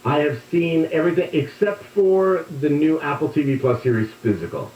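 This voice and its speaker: A man, an entertainment reporter, chatting casually on a radio show in a relaxed, talkative way with some restarts. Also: fairly high pitch, normal speed, slight background noise. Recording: distant, roomy, dull remote line.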